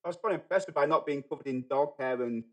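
A middle-aged man from England with a Manchester accent, talking as a podcast guest in a halting way, full of fillers and restarts. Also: fairly high pitch, fairly bright tone. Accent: Manchester English. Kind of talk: casual podcast conversation.

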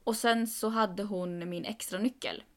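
A young woman tells a long story in casual podcast chat. She acts out what others said with rising emphasis, and her voice has a gravelly fry at a middle pitch. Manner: animated, quoting others with "jag bara" and rising emphasis. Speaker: podcast co-host.

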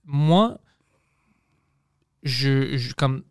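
A man's voice: medium pitch, extremely slow, clean tone, dry recording, studio quality. A young man with a Greek accent hosting a podcast in casual, playful chat, laughing often. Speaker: podcast host.

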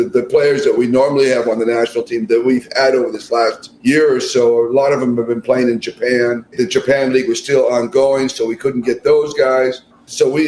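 A man's voice: medium pitch, darkish tone, roomy sound, a little hiss or hum, rough recording. A man, a national basketball team coach, talking through interview answers in a conversational way with frequent fillers and restarts.

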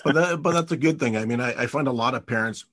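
A man's voice: medium pitch, fast, a bit bright, no echo, studio quality. A man hosting a radio interview show, asking long, wandering questions with plenty of fillers in a chatty way.

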